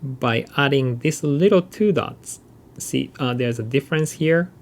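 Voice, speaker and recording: A male Japanese instructor, native to Japan, teaches in a recorded mini-lecture using a mid-range voice with a gravelly edge, never rushing. He patiently works through examples, saying sounds repeatedly and drawing them out.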